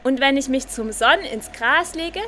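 A woman's voice: high-pitched, normal speed, bright, forceful tone, slight background noise. A woman voicing a cheerful little girl in a children's audio play, chatting directly to the kids. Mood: chatty. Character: cheerful little girl, policeman's proud daughter.

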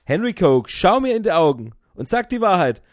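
A man playing a kindly high-voiced professor. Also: normal speed. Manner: friendly, animated, questioning. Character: kindly cheerful male professor. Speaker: professor in puppet play.

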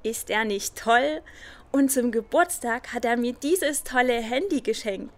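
A woman's voice: a little high, a little slow, close to an everyday voice. A woman voicing a cheerful little girl in a children's audio play, chatting directly to the kids. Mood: chatty. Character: cheerful little girl, policeman's proud daughter.

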